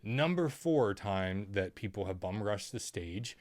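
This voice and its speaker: Wry man, low dry voice. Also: lively intonation, unhurried, a little mellow, no room sound. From Canada. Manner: rambling, sardonic, full of ums. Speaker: musician. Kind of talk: casual storytelling monologue.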